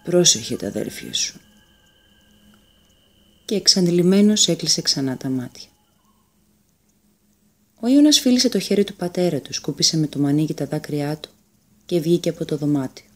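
A woman narrating a fairy tale in a calm, measured storytelling manner. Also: sits low.

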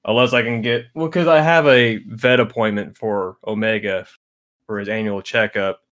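A man co-hosting a podcast in casual chat, halting, repeating himself and using lots of fillers. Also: lowish voice, steady tone, fairly bright tone. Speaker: podcast co-host.

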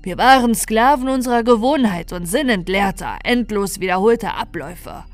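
A woman's voice: mid-range voice, close to an everyday voice. Woman doing a cold, scornful evil Santa. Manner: slow, calm and contemptuous. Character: corrupted male Santa, calm, cruel and scornful.

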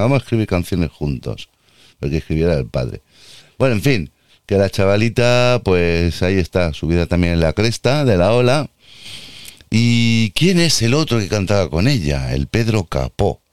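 A man's voice: on the low side, a little mellow, no room sound, studio quality. A man hosting casual commentary on music videos, joking and rambling in asides. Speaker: host reacting to music videos.

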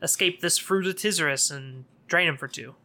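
Bright-voiced man chatting casually. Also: fairly high pitch, normal speed. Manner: sarcastic, laughs often. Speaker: podcast co-host. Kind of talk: casual card game chat.

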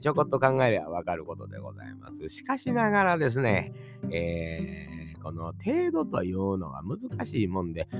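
A man with a Kansai accent hosting a solo podcast, musing in a folksy way that mixes formal endings with dialect and long drawn-out fillers. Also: low voice. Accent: Kansai Japanese. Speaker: podcast host. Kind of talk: rambling solo podcast monologue.

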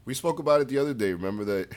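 A man in relaxed podcast chat with a friend, joking and teasing and laughing often. His voice swings widely up and down in pitch, very animated. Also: racing. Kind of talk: casual chat.

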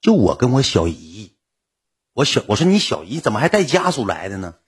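A man's voice: medium pitch, very animated, fairly quick. A man with a Northeastern Chinese accent who tells his own story to viewers in a blunt, colloquial way. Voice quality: very husky.

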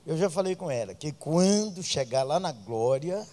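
Brazilian male pastor, high voice, comic sermon delivery with sudden loud bursts. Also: animated, normal speed, big-room sound. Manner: humorous preaching with loud outbursts.

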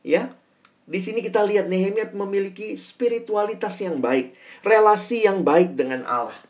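A young man preaches to students in a chatty, lively way, stressing key words with sudden bursts. His voice sits in a roomy space, picked up from a distance. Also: high-pitched, normal speed. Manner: conversational, acts out quotes, sudden loud emphasis. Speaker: youth preacher. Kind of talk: sermon to students.

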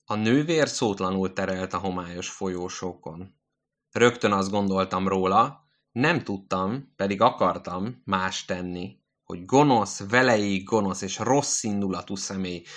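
Man reading a literary story, low voice, slow and deliberate. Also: fairly bright tone. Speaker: narrator.

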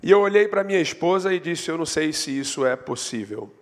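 A Brazilian man preaches in a church, his voice sitting a little high for a man. He tells stories, lifting his pitch and force when he drives a point home. A long reverb trails each phrase through the sanctuary. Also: animated, brisk. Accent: Brazilian Portuguese. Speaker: pastor. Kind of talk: sermon.

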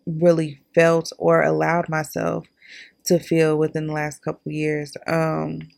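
Gravelly-voiced young woman podcaster. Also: low-pitched, completely flat delivery, slow pace, a little mellow. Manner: candid, chatty, addresses listeners as y'all. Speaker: podcast host. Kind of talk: casual personal storytelling.

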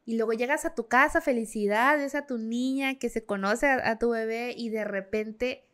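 Woman host, a bit high-pitched, empathetic, gentle interviewer. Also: moderate pace. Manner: empathetic, asks gentle questions. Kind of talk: casual interview chat.

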